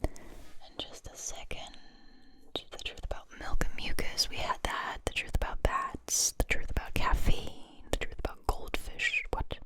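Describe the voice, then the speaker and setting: A woman whispering softly and breathily right up close to the microphone, ear to ear, chatting casually to viewers in ASMR style. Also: a little slow. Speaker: ASMR video creator and host.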